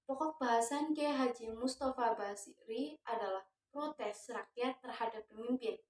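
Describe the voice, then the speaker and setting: A young woman, a student presenter, reciting a poem emphatically and then explaining it calmly. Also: fairly high pitch, recorded from a distance. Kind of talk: poetry recitation and literary explanation. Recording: roomy echo, voice from off mic.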